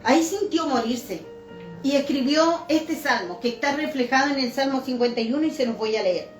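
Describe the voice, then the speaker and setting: A woman's voice: high voice, lively intonation, moderate pace, recorded from a distance. A woman preacher giving a sermon, telling a story earnestly and asking the congregation rhetorical questions. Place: church. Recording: echoey church room with faint music.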